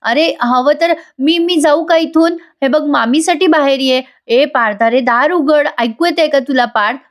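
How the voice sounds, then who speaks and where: A woman doing an urgent, high-pitched young woman. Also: normal speed, close to an everyday voice. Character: worried young woman calling to her cousin.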